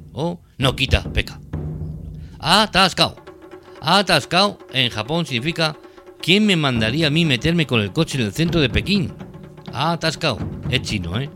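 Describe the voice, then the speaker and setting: A man from hosting a comedic parody language lesson, mock-teacherly and punning with crude asides. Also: mid-range voice. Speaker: host of a spoof language course. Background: music.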